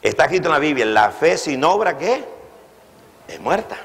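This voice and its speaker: A pastor preaching a sermon, his fairly high voice rising and falling with animation. He keeps asking the congregation questions and has them repeat after him, and his voice rings out with the long reverb of a church hall. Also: very animated, moderate pace, fairly bright tone.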